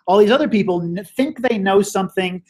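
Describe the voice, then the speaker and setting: A man's voice: high voice, brisk, a little mellow, voice pushed up, close to an everyday voice. A teacher lightly putting on an older Greek thinker who is humbly puzzled by everyone around him. He talks in an easy, everyday way. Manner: casual, breezy retelling of the figure's thoughts.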